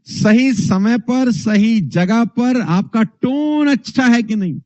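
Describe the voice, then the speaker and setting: A man giving a motivational lesson as a speaking trainer, energetic and animated, acting out his examples. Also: extremely high pitch, slow pace, no echo. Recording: dull, dry recording.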